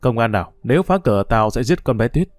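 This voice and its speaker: A brutish, menacing thug barks threats in a storybook reading, voiced by a male narrator. The voice is mellow rather than sharp, with a dry, close sound and faint music behind. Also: medium pitch, lively intonation, fast, no echo, lightly acted.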